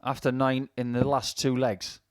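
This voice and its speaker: A man's voice: mid-range voice, completely flat delivery, normal speed, background noise. A man commentating on darts in a chatty, joking style, full of wry anecdotal banter.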